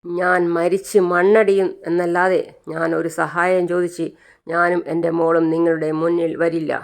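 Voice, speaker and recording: The narrator voicing a young mother who is angry and protective, with sharp, defiant retorts in a clear voice. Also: fairly low pitch, little pitch movement, normal speed, close to an everyday voice.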